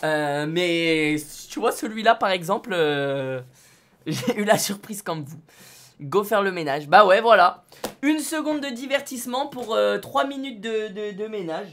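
A young man streaming live from his studio, talking to his chat in slangy, excitable bursts and shouting when things go wrong. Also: sits high, unhurried.

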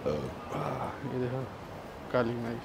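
A man's voice: medium pitch, big pitch swings, drawn-out words. A man filming a travel vlog, walking a busy outdoor street and making crude jokes about what he sees. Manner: crude joking street commentary. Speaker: travel vlogger. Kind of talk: casual walking vlog commentary. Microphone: handheld camera. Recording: street noise.

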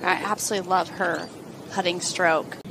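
A woman's voice: lowish voice, fairly even intonation, normal speed, creaky. A woman giving live golf commentary as an analyst, explaining shots in a conversational way. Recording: outdoor course ambience noise behind voice.

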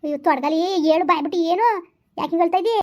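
Woman doing a bossy village lady, super high voice, fires off questions fast. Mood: scolding. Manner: rapid, questioning, scolding. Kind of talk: village skit acting.

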